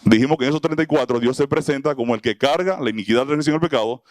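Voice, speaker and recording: A man with a medium-pitched voice talks very fast on a dry recording. He's a preacher teaching a Bible class to a small audience, sermon-style, asking questions and acting out little scenes.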